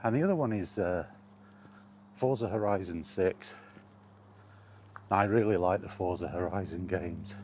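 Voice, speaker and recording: A man with a low voice hosts a podcast alone, chatting casually as he walks to and through a park. His rambling talk is halting and understated, full of pauses and hesitations. The outdoor ambience brings a steady background noise.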